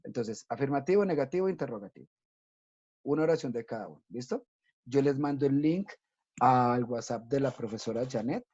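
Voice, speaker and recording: Man, English teacher for kids, patient step-by-step explaining, mellow voice, dull lo-fi sound. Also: mid-range voice, lively intonation, fairly quick, breathy edge. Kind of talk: recorded online class for children. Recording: dull lo-fi recording.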